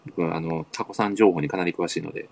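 A man's voice: sits low, steady tone, quick pace, vocal fry, no room sound. A man hosting a casual online radio chat, eager and full of admiring interjections. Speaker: podcast host.

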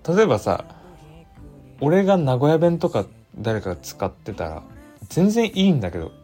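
A man's voice: a little high, normal speed, soft background music. A man with a Kansai accent hosting a casual solo livestream, chatting loosely and reading listener messages aloud. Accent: Kansai Japanese. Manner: chatty, animated, muses aloud with frequent fillers. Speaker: livestream radio host.

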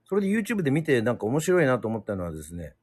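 A man from Yoron Island hosting a casual solo radio talk, speaking hesitantly with many fillers and pauses. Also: mid-range voice, wildly swooping pitch, darkish tone, breathy edge, dry recording. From Yoron Island, Japan. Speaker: radio show host.

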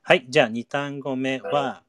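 A Japanese-speaking man who casually hosts a bilingual chat lesson, mixing in English in a relaxed, chatty way. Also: medium pitch, moderate pace, very noisy. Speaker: host teaching English words.

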